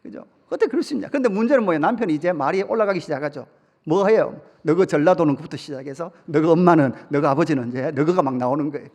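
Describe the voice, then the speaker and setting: A man preaching a sermon as pastor, lively, asking the congregation questions and telling humorous stories. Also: on the high side, fast talker. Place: church sanctuary. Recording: long reverb of a church sanctuary.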